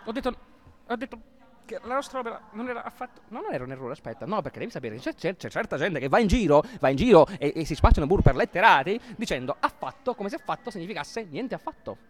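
A man's voice: high-pitched, very animated, quick pace. A man co-hosting a comic show, playful and theatrical, who fusses over grammar and introduces dramatic readings. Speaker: co-host.

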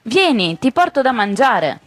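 A woman voicing a tiny eager boy born from a chickpea, in a high squeaky voice. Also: big pitch swings, measured pace, no echo.

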